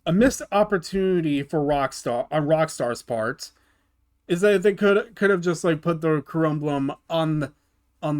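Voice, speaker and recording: With a voice on the high side, a man hosts his gaming channel and walks through a car build in a relaxed tutorial voice-over. He frequently stops, restarts, and repeats words.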